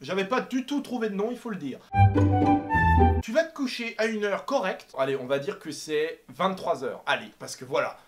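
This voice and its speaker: A young man doing a comic rant to camera, animated and exaggerated, swearing and laughing often. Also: high-pitched, moderate pace, music in the background. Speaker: comedy vlogger. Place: apartment.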